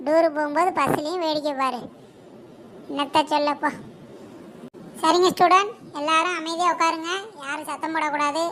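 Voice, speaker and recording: A woman's voice: high voice, a bit bright, a little hiss or hum, rough recording. Woman voicing a bossy, exasperated cartoon teacher. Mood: scolding. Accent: Kanyakumari Tamil. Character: scolding harried female school teacher. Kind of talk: cartoon voice acting.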